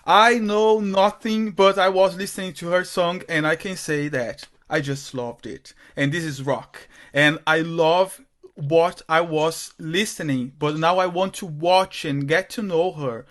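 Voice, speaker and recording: A man's voice: fairly high pitch, unhurried, fairly bright tone. A man from Brazil, hosting a casual interview over a video call, eager and chatty, sometimes cutting in. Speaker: interviewer host.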